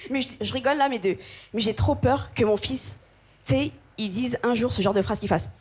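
Une jeune femme humoriste de France, qui fait un spectacle de stand-up, racontant vite et de façon animée en imitant d'autres personnes. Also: female voice, on the high side, slightly rough. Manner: quick, animated, acts out voices of others. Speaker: stand-up comedian. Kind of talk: stand-up comedy set.

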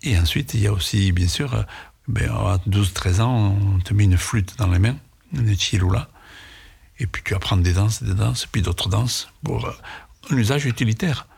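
A man recalling childhood memories in a reflective, hesitant way, with halting phrases, for a sound documentary. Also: fairly low pitch, vocal fry, darkish tone, breathy edge. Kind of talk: personal reminiscence.

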